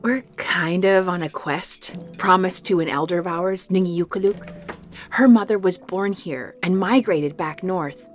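Woman doing a chatty hungry traveler, lowish voice, faint music. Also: measured pace, lightly acted. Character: hungry young traveler from the north. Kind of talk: audio drama acting.

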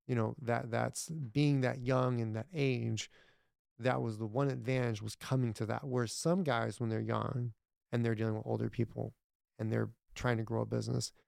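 Gravelly-voiced man, rambling and blunt. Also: medium pitch, level tone, moderate pace, darkish tone, dry recording, studio quality. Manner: rambling with frequent restarts, blunt and profane. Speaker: podcast guest, entrepreneur. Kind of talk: casual interview chat.

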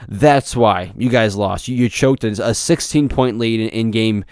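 A man's voice: lowish voice, moderate pace, smooth, no room sound, clean studio sound. A young man hosting a solo sports podcast, giving opinionated takes and often stumbling and repeating himself. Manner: opinionated, repetitive, stumbles over words. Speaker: podcast host.

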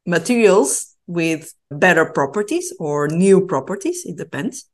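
Female researcher, 30s, from Portugal; low-ish voice, patient and careful explainer. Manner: thoughtful, explains patiently with small hesitations. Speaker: postdoctoral researcher, guest. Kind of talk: explaining science in an interview.

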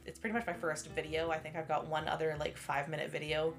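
Her deep voice runs quick and level as this late-twenties Canadian podcast co-host rambles chattily, laughing a lot through a stuffed-up, sniffly nose. Faint music plays in the background.

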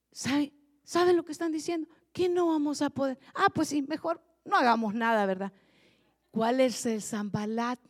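A woman pastor preaching a lively sermon, switching from quiet asides to loud, rising exhortation. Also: high voice, in a large hall. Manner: animated, swings from soft asides to loud preaching.

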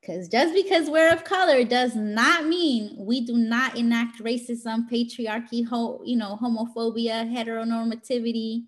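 A woman's voice: fairly high pitch, fairly even intonation, moderate pace, few pauses, a little hiss or hum. Emphatic woman with a scolding teacher voice. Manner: colloquial, direct address. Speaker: teacher coach and educator giving a talk. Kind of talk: informal motivational talk to new teachers.

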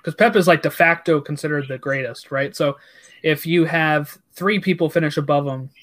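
A man's voice: fairly high pitch, moderate pace, a bit bright. A man hosting a casual sports chat, talking freely and reading out lists of fixtures and scorers.

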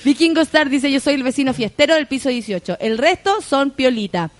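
A woman's voice: high-pitched, animated, brisk. A young woman with a Chilean accent hosting a casual chat, reading out viewer comments, laughing often and swearing in slang. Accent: Chilean Spanish.

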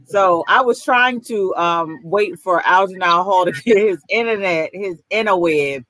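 A woman's voice: lowish voice, unhurried, a bit bright. A woman hosts an online chat, enthusiastic and slangy. The sound is dry and close, with no room echo. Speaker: host. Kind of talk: casual online talk show chat.

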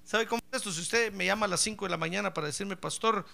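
A man's voice: high-pitched, racing, gravelly, bright, forceful tone. A middle-aged man, a pastor, preaching a sermon and acting out both sides of a story's dialogue, calling his listeners brother. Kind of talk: sermon with acted anecdote.

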